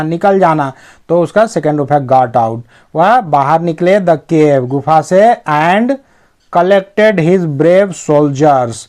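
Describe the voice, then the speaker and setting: Slow, patient male English teacher. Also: fairly high pitch, a little mellow. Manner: reads English slowly, then explains in Hindi. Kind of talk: reading lesson, explaining line by line.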